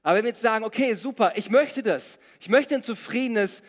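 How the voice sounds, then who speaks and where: A man's voice: high-pitched, fairly quick. A middle-aged man from Germany preaching a sermon, mixing scripture with humorous stories about his own life. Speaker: pastor. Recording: long reverb of a large hall.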